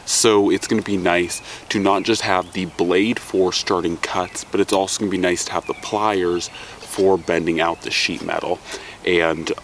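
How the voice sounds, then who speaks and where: A young man from Alaska, an outdoors vlogger, chats loosely with fillers and restarts while demonstrating a how-to task seated in the woods. His deep voice keeps a steady tone and measured pace, and the camera mic picks up a little hiss or hum.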